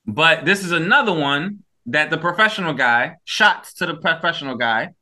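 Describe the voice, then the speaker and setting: A man co-hosting a casual podcast, laid-back and rambling, swearing casually and a bit high. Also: lively intonation, normal speed, pushed and bright. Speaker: podcast co-host.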